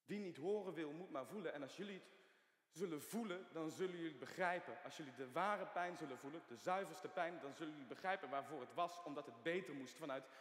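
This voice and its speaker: A young actor playing a detained male idealist, bitter and scornful, breaking into shouting. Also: fairly high pitch, fast, close to an everyday voice. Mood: bitter ranting. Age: young adult. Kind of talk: stage play acting. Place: theater stage. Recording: echoey theater hall.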